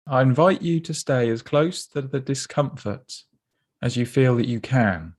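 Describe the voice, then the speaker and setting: A man with a mid-pitched voice leads a body scan meditation, speaking gently and slowly. He offers soft instructions and lets space settle between his phrases.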